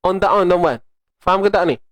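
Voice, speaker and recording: A middle-aged man with a Malaysian Malay accent, teaching Quran recitation in a casual, joking online lesson and drilling sounds slowly. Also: high voice, dry recording.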